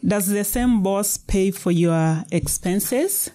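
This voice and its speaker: A woman's voice: medium pitch, slow, dark tone, close to an everyday voice. A woman reading the part of an irritated father who questions his daughter curtly and with suspicion. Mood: suspicious.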